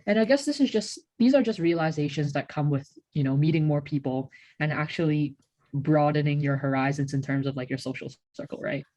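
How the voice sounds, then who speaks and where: A young adult woman from Hong Kong co-hosts a podcast, chatting casually and reflectively while often saying "like." Her voice is low-pitched and warm, a little fast, and recorded with no echo.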